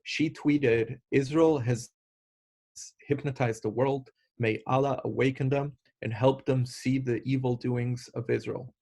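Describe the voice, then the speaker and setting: Monotone man lecturing with many fillers. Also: medium pitch, a little slow. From Argentina. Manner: earnest, many fillers and restarts. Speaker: instructor. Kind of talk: online lecture.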